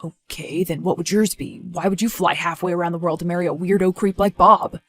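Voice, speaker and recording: A woman playing a supportive, inquisitive male partner in a scripted story, low-key and dry. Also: fairly even intonation, brisk, close to an everyday voice. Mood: dryly inquisitive.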